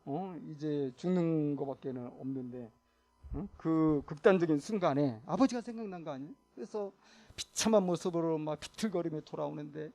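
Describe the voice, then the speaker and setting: High-voiced, animated Korean pastor preaching. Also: male voice, moderate pace. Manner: animated preaching, acting out quoted voices, asking the congregation "어?". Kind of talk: sermon. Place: church sanctuary.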